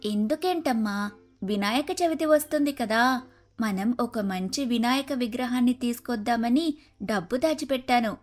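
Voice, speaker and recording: A woman's voice: a little high, normal speed, faint music behind, natural voice. A woman voicing a practical, caring mother sparrow in a cartoon story, speaking plainly and firmly.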